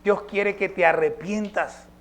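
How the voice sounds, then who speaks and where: Man, pastor, sermon, quite high voice, emphatic, rhetorical questions. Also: steady tone, unhurried, fairly bright tone.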